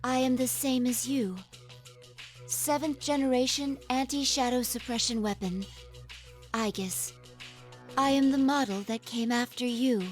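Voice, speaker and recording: An actress voicing a calm female combat android in a video game, speaking formally and evenly. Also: high-pitched, measured pace, long pauses, faint music behind.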